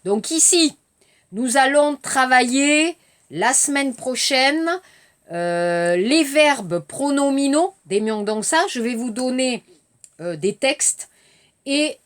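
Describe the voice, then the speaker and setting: A woman teaching a lesson, speaking slowly and clearly and mixing in Korean glosses. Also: sits high, animated. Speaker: French teacher. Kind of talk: language lesson.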